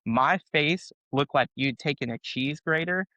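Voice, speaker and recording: A man's voice: on the high side, measured pace, dry recording, poor audio. A man, a former soldier, telling a story in casual talk, laughing and swearing as he goes. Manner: laughing, profane, animated storyteller. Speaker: podcast guest, Army veteran.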